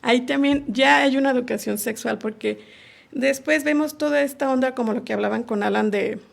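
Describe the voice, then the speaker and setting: A woman, a guest on a podcast, calmly explaining sexual education in casual conversation and acting out small quoted dialogues. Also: sits high, brisk, gravelly.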